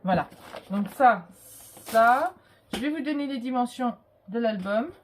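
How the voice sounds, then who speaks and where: A woman's voice: on the high side, lively intonation, a little slow, a little hiss or hum. A woman with a cold presenting a handmade album in a casual show-and-tell, hesitant and full of fillers. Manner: hesitant, full of fillers and little "hop" interjections. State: has a cold.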